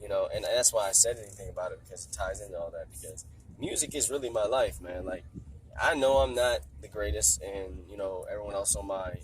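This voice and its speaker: A man with a smoker's rasp hosting a casual solo podcast in an informal, rambling, slangy way, with music behind him. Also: on the low side, a little fast, poor audio. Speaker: podcast host. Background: music playing in the background.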